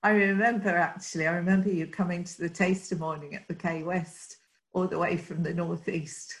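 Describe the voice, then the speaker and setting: A woman's voice: on the low side, fairly even intonation, normal speed, poor audio. A woman with an Essex accent, chatting casually as the host of an interview. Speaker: podcast host, coach trainer.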